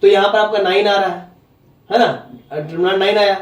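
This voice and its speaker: A man with a Jharkhand accent teaches maths in a blunt, scolding way, with a high voice. He keeps asking "right?" after each step. The sound is roomy and echoey, with the voice a little far from the mic. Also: steady tone, a little fast. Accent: Hindi from Jharkhand. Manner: blunt, scolding, repeats "है ना?" and "ठीक है?". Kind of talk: classroom maths lecture.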